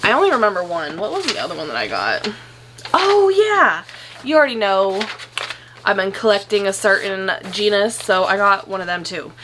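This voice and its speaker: A young woman at home chatting casually through an unboxing, gushing and excitable, swearing now and then. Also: mid-range voice, moderate pace, noisy background. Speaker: plant vlogger.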